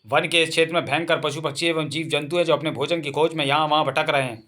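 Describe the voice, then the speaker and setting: A man narrating a comic book story as a lively voice-over reading. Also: fairly high pitch, fast talker.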